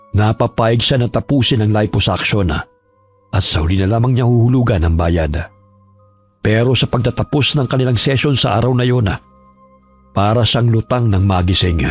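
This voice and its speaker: A man narrating a scripted horror story in a steady, measured way. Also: medium pitch.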